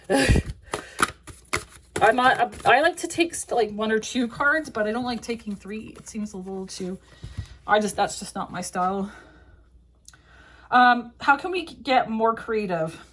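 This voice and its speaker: A woman's voice: fairly high pitch, takes it slowly, pauses often, a bit bright. Rambling young woman doing a tarot reading. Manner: rambling, filler-heavy, swears, laughs often. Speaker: tarot reader.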